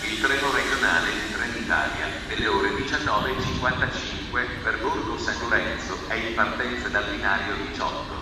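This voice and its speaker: Station PA voice: low-pitched man, formal measured announcements over a loudspeaker, heard from far off in a big echoing hall with train noise. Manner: formal, evenly paced announcements. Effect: public address loudspeaker.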